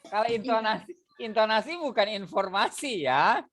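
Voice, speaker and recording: A man's voice: high-pitched, animated, normal speed, a bit bright. A man teaching a poetry reading class, explaining casually and drilling students on vowel sounds. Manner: casual, explanatory, uses fillers like "gitu ya".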